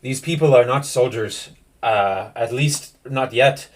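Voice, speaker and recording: A man's voice: mid-range voice, a little slow, close to an everyday voice. A man doing a grave, weary young village man. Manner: grave, sighing.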